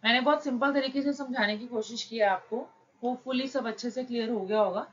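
A woman teaching shorthand, explaining each word slowly and patiently, step by step. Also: fairly even intonation. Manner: slow, patient, drawn-out words. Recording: dull low-fi recording with faint noise.

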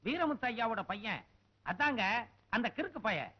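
A scheming village flatterer, very high voice, dull old film audio. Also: male voice, moderate pace, husky, exaggerated voice. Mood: sly. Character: sly village man, gossiping and scheming.

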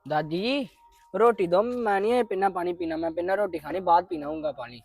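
A woman's voice: on the low side, a little mellow, no room sound, soft background music. A performer playing a defiant young grandson in a family drama, arguing with his grandmother. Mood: pleading. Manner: quick, insistent, arguing.

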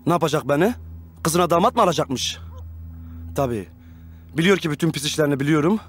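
A man's voice: on the high side, lively intonation, a little fast. A man in his thirties playing a bossy, self-important revolutionary leader in a TV comedy-drama, commanding and pompous. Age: 30s. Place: furnished rooms of a house.

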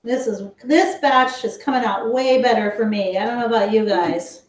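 A woman with a voice on the high side hosts a live online cooking lesson for children in her home kitchen. The sound is roomy. She's chatty and explanatory, taking things slowly and calling her audience "guys."

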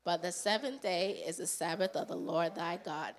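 A woman's voice: on the low side, normal speed. A woman steadily reciting a formal scripture passage. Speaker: scripture reader.

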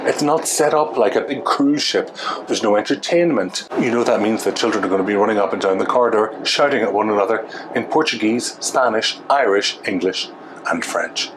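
A man's voice: lowish voice, a little fast, background noise. A man in his forties giving a dry, sarcastic room tour of a small ship cabin, filmed on a handheld camera at arm's length. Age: 40s. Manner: wry, dry sarcastic humour. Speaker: travel vlogger. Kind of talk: casual vlog room tour. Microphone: handheld camera at arm's length with small mic.

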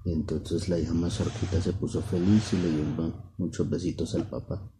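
A father telling his child a bedtime story at home, in a soft, unhurried way with lots of repetition. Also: low-pitched, fairly even intonation, noisy background.

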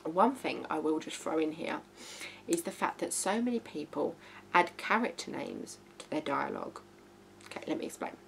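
A woman in her thirties talks to camera from a small indoor living room, offering blunt and emphatic writing tips in an informal video tutorial. She speaks at a moderate pace in a low, sing-song voice with vocal fry. The audio picks up hum and background noise.

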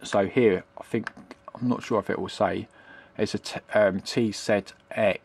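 Speaking at a measured pace, a middle-aged hobbyist demonstrates retro computing from a home computer desk, his low voice steady with vocal fry and a breathy edge. The tutorial is casual and unscripted, rambling and hesitant, and he often repeats himself. It's captured on a handheld camera's built-in mic.

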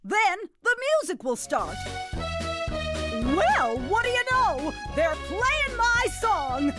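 Grandma Nutt, a high, swooping jolly granny. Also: female voice, very animated, slow pace, over loud music, full character voice. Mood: cheerful, instructive. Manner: folksy, gleeful, exclamatory, chuckling. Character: jolly, doting, slightly nutty grandmother game host. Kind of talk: animated children's game narration.

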